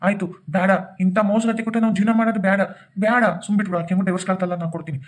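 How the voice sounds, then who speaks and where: Bitter cartoon husband with a north karnataka accent, high voice, rattling it off fast, a man voicing him. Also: steady tone, close to an everyday voice. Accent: North Karnataka Kannada. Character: young husband and son, disgusted and hurt.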